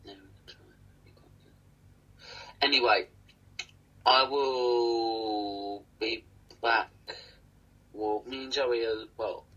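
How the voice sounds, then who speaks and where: A man's voice: mid-range voice, steady tone, slow pace, long pauses, bright, forceful tone, muffled recording. Young man chatting on a webcam stream. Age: young adult. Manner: chatty, reads out and thanks viewers by name. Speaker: livestream co-host. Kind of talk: casual livestream chat. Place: small indoor room. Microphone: webcam at desk.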